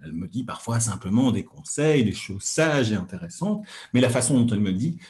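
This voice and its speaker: A man teaches hypnosis and communication on his own channel, in a mellow, warm tone. He speaks in a measured, soothing way, often pausing on filler sounds as he gathers his thoughts. His pitch sits in an ordinary middle range. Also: sing-song. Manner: hesitant, many filler pauses. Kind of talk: calm teaching talk on a livestream.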